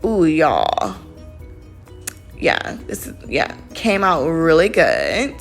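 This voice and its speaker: A woman's voice: sits low, wildly swooping pitch, drawn-out words, vocal fry. A young woman, chatting and rambling in a casual voice-over about her crafts. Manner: chatty and rambling, lots of fillers. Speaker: craft vlogger. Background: faint background music.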